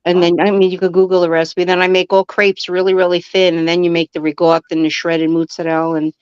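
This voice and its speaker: Female, New York City-Jersey accent, clear resonant tone, casual talk, dull close recording. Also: lowish voice, little pitch movement, fast, a little mellow, no room sound. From New Jersey or New York City area, United States. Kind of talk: casual chat.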